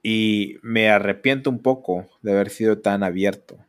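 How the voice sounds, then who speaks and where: Alone at a podcast mic, a Mexican man in his thirties speaks at normal speed in a fairly low voice with a Mexican Spanish accent. He's candid and rambling in this solo monologue, sometimes pitching his voice up to mock others.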